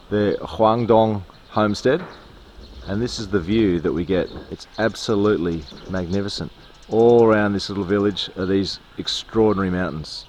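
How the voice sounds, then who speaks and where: This travel vlogger's voice is on the low side and a little mellow as he narrates a relaxed tour, mostly outside. His commentary is dry and low-key but appreciative, captured on a handheld recorder with ambient sound.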